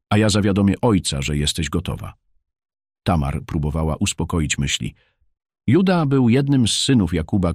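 Deep-voiced male audiobook narrator. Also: no echo, clean studio sound.

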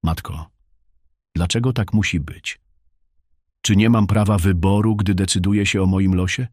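Low-voiced man reading a reluctant young bride, pleading, dry close sound. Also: fairly even intonation, moderate pace, darkish tone, no room sound, lightly acted. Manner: pleading, resigned. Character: young woman facing an arranged marriage, pleading. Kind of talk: audiobook reading.

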